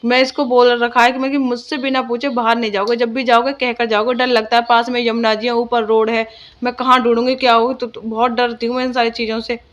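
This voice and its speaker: A woman's voice: a little high, flat delivery, fast talker, highs cut off. A young woman talking casually in her home vlog about her children and the day's chores. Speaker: vlogger.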